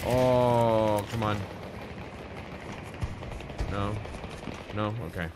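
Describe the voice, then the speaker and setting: A man with a fairly low voice streams a shooter game. He comments casually and informally, half to himself, with some swearing. Loud gunfire and vehicle noise runs behind him. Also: steady tone, extremely slow. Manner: profane, informal, muttering to himself. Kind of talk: casual live gameplay commentary. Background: video game battle sounds.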